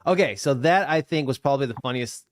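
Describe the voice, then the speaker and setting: A man co-hosting a podcast, chatting casually as he reacts to a video, with frequent laughter and quick asides. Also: mid-range voice, no echo, clean studio sound. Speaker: podcast co-host.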